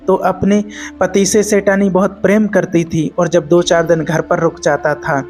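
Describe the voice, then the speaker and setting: Male preacher telling a moral story, slow repetitive style, fairly high voice, soft music behind. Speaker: spiritual preacher. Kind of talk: spiritual storytelling discourse.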